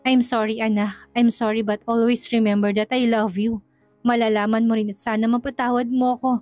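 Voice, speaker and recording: A woman's voice: a little high, little pitch movement, normal speed, darkish tone, no echo, faint music behind, natural voice. Woman voicing a remorseful dying father. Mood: tender sorrow.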